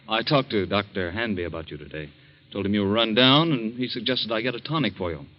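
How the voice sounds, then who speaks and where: An actor playing a smooth, scheming husband who talks in a casual, offhand way in 1940s radio acting. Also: male voice, lowish voice, moderate pace, dull audio, lightly acted. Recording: scratchy 1940s radio recording.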